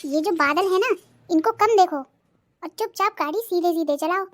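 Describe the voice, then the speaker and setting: Someone voicing Chandrakala, a shrill nagging cartoon wife. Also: normal speed. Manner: sharp-tongued, nagging, threatening. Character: bossy scolding middle-aged cartoon wife. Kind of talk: cartoon voice acting.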